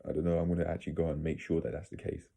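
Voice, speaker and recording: A man's voice: rumbling low, flat delivery, racing, creaky, mellow. A man giving a casual, opinionated monologue to viewers, rambling and blunt, with some swearing. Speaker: video creator.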